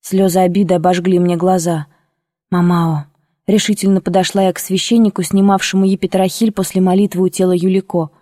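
A woman narrating a first-person audiobook in a measured, emotional storytelling manner. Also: lowish voice, level tone, dark tone, dry recording, clean studio sound. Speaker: audiobook reader.

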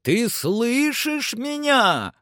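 A man voicing an excitable middle-aged gentleman who shouts urgent orders in an audiobook. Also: high voice, slow pace, no echo, clean studio sound, voice pushed up. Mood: frantic, shouting. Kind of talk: audiobook character voice.

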